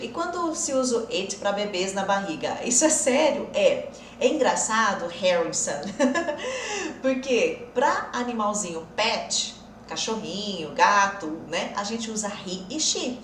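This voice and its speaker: A woman's voice: medium pitch, roomy sound, far from the mic, a little hiss or hum. Chatty woman teaching on a live stream. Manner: chatty, explains patiently, answers viewer comments, laughs often. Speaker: English teacher. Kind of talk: live-streamed English lesson.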